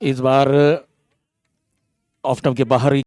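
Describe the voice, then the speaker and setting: A man giving live ball-by-ball cricket commentary, with excitable, drawn-out calls on the big moments. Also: mid-range voice, no room sound.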